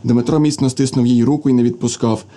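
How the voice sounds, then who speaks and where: A man narrating a literary novel as an audiobook, in a steady, even manner. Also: medium pitch, fast talker.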